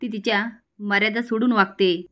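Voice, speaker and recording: A woman's voice: mid-range voice, steady tone, moderate pace, a bit bright, close to an everyday voice. A woman voicing a guilt-ridden young man who turns angry, reading his lines earnestly in a storybook retelling.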